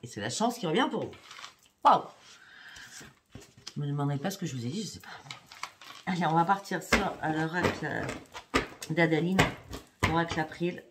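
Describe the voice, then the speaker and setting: A woman's voice: low-pitched, brisk, long pauses. A woman doing a tarot reading for her viewers, speaking in a chatty way and often checking in with "hein" and "d'accord". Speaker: psychic card reader. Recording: steady background noise with clicks.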